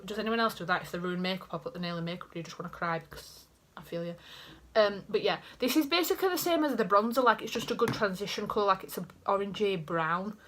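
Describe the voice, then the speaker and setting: The speaker is a young beauty vlogger with a Yorkshire accent, casually rambling to camera from her small bedroom and slipping in self-mocking asides. Her voice sits at a medium pitch with a fairly bright tone. A camera in front of her at desk height records it, with slight background noise.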